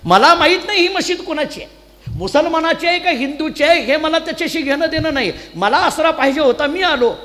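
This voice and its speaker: A man voicing a calm young male saint who answers patiently and sweetly. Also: very high-pitched, a little fast, voice pushed up, heavily acted. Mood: gentle. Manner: gentle, patient questioning. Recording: long hall reverb.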